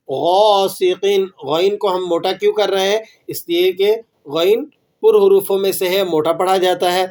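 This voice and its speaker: High-voiced man teaching recitation rules. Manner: patient, poses questions then answers them; repeats phrases slowly for learners to echo. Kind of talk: tajweed lesson.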